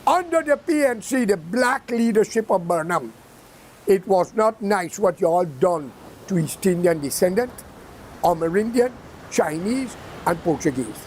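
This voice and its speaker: Heated high-voiced Guyanese man ranting. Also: expressive, unhurried, darkish tone, a little hiss or hum. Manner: blunt, heated and profane ranting. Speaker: political commentator. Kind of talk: political commentary monologue. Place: seated indoors.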